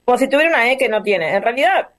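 A woman's voice: fairly high pitch, expressive, racing, a bit bright, no room sound. A woman with a Rioplatense accent, guest artist on a casual video call, talking in a rambling way and searching for words. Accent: Rioplatense Spanish.

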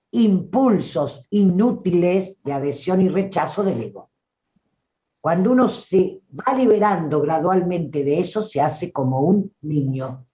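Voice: medium pitch, warm tone. A spiritual teacher with a Rioplatense accent gives an emphatic, preachy talk full of rhetorical questions. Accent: Rioplatense Spanish. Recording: dull lo-fi recording.

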